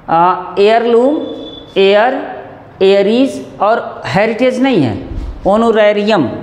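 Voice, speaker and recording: Slow, echoey, high-voiced male teacher. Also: a little mellow. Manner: drawn-out repetition of example words; corrects himself mid-explanation. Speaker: English grammar teacher. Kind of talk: classroom grammar lesson. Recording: echoey room with long reverb.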